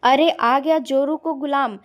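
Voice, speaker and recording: A woman voicing an angry middle-aged mother who shouts and scolds her son in a family story. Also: a little high, unhurried, close to an everyday voice. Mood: angry scolding.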